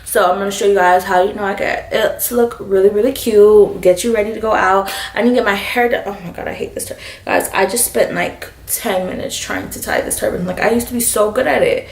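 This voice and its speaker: A young woman vlogging about her hair in a quick, bubbly, self-aware and rambling way. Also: medium pitch, fairly even intonation, gravelly. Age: young adult. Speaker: beauty vlogger. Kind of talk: casual chatty vlog. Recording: roomy echo.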